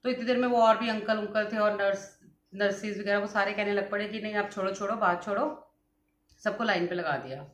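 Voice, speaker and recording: A young woman vlogger with a medium-pitched voice talks a little fast in an echoey room. Feeling unwell after a vaccine, she chats casually, tells stories and mixes in English words.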